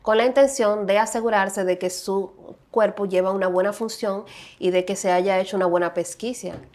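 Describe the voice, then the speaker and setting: Woman, podcast host, measured, affirming, medium pitch. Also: steady tone, a little mellow. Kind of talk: interview questions.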